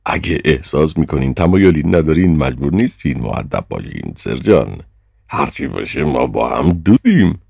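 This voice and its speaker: A man's voice: a bass voice, big pitch swings, creaky, a little mellow, husky, dry recording, clean studio sound, heavily acted. A man reading an audiobook, voicing a thin, austere man who speaks in a cool, mocking, disdainful tone. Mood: sardonic.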